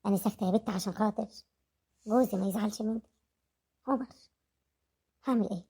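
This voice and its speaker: A woman's voice: mid-range voice, fast, mellow, slightly rough. A woman voicing a scared young wife who pleads and repeats herself, with an Egyptian accent. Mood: resigned.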